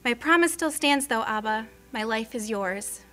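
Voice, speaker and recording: A woman's voice: a little high, expressive, moderate pace, fairly bright tone. A woman voicing a faithful young pregnant woman in labor, strained and pleading, with faint music underneath. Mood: devoted.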